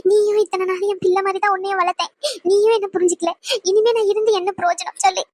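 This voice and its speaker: A woman's voice: very high voice, little pitch movement, fast talker, a little mellow, no room sound. A woman voicing an anxious, tearful middle-aged mother in a cartoon family drama. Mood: distressed.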